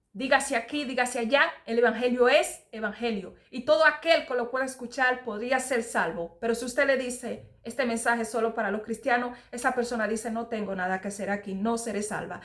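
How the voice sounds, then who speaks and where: A woman's voice: fairly high pitch, fairly bright tone. A woman preaching a sermon, reading scripture aloud and explaining it in an earnest way, often repeating and restarting phrases.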